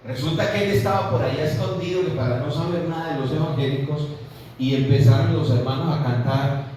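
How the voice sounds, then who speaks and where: Male Colombian pastor, fervent sermon delivery, fairly high voice, heard from a distance in a reverberant church hall. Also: fairly quick, darkish tone, slight background noise. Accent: Colombian Spanish. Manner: fervent preaching, repeated "hermano" address. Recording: echoey hall, voice from far off.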